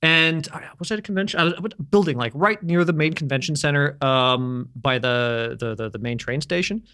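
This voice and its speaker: Host rambling thru a funny story, jokey and loose, mid-pitched. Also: moderate pace, pushed and bright, clear, resonant tone. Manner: joking, rambling anecdotes. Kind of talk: casual conversational storytelling.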